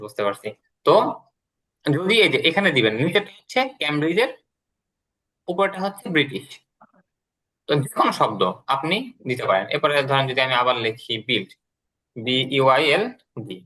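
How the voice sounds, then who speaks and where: A man's voice: mid-range voice, very animated, brisk, long pauses, pushed and bright. A man teaching English vocabulary and pronunciation in an online class, explaining step by step and repeating his pointing phrases.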